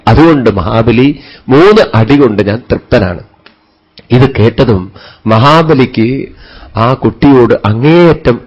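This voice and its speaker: Brief: male swami preaching, mid-pitched, conversational, dull lo-fi sound. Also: a little mellow. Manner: conversational storytelling, rhetorical questions. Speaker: swami giving a scripture discourse. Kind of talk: devotional discourse. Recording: dull lo-fi recording.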